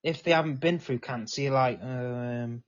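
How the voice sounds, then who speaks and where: An English man with a mid-pitched voice speaks plainly in a casual podcast chat. The audio is dull and lo-fi. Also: moderate pace. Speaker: podcast co-host.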